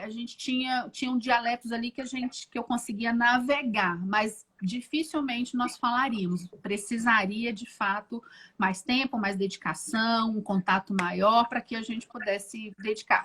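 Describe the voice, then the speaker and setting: Chatty Brazilian woman storyteller. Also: a little high. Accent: Brazilian Portuguese. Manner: chatty, many restarts and fillers, lively storytelling. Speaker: guest. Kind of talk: casual interview chat. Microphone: video call.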